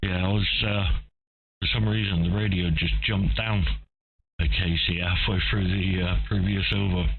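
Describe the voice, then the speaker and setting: A man's voice: sits low, steady tone, normal speed, gravelly. A man, a ham radio operator chatting casually on air in a jokey, rambling way. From England. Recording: narrow radio-band audio, faint hiss.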